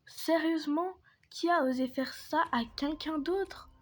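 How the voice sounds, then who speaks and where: A woman's voice: sits high, a little slow. A woman voicing a worried, indignant mother in a game role-play. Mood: concerned.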